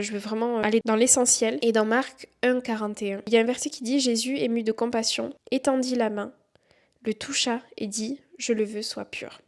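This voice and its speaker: Woman, young adult, podcast host, earnest, encouraging, slightly high voice. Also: a little mellow. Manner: earnest, encouraging, reads Bible verses aloud. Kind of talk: faith podcast talk.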